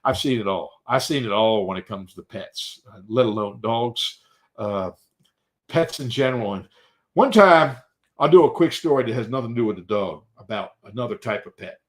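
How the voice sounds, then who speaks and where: A middle-aged man who runs his own floor-cleaning business, chatting casually on a live stream and telling rambling, animated stories with many hesitations. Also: on the low side, moderate pace. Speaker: tile and grout cleaner, owner-operator.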